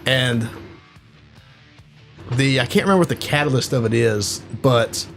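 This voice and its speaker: A man's voice: mid-range voice, measured pace, creaky, fairly bright tone, soft background music. Rambling man retelling a movie. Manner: rambling, filler-heavy storytelling, acts out quotes. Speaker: podcast host. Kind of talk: casual chat.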